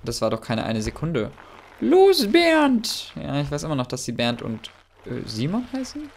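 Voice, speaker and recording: A man giving excitable, chatty commentary while playing a game, often yelping and exclaiming. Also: a little high, moderate pace, gravelly, noisy background. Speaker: let's player.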